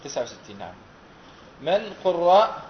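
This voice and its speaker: A man's voice: on the high side, sing-song, moderate pace, slight background noise. A man teaching a class on Quran recitation, asking his students questions and repeating their answers back patiently. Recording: roomy, dull lo-fi classroom recording.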